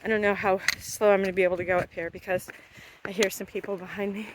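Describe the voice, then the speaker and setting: A woman's voice: mid-range voice, level tone, fast talker. A woman talking casually and thinking aloud while on the move in a trail race, giving chatty vlog check-ins outdoors. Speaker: vlogger running a trail race. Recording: noisy outdoor handheld recording with clicks.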